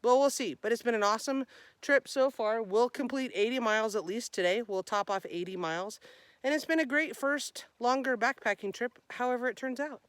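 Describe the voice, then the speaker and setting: A woman's voice: a little high, fairly quick, no room sound. A woman talking casually for a vlog as a hiker, chatty and informal, thinking aloud as she goes. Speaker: vlogger, hiker.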